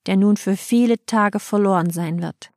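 A woman's voice: mid-range voice, moderate pace, darkish tone, no room sound, studio quality, lightly acted. Woman voicing grieving, pleading townsfolk. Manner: pleading, lamenting.

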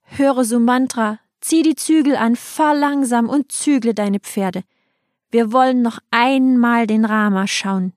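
Lamenting crowd of townsfolk in a storybook reading, slow and pleading, as a woman reads them. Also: medium pitch, darkish tone, no room sound, studio quality, lightly acted. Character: grieving townspeople pleading with the charioteer.

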